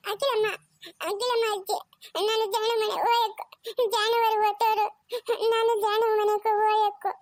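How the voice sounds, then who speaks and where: A woman's voice: very high-pitched, little pitch movement, normal speed, no echo, clean studio sound. Woman voicing a whiny little cartoon boy. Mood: pleading. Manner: whiny, repetitive pleading. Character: small whiny little boy, clingy and tearful. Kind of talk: cartoon voice acting.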